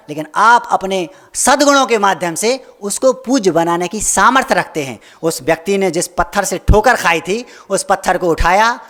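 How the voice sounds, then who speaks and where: High-voiced preaching monk in a reverberant hall. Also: male voice, a bit bright. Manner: storytelling, asks rhetorical questions and acts out quoted voices. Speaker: Jain monk. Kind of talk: sermon.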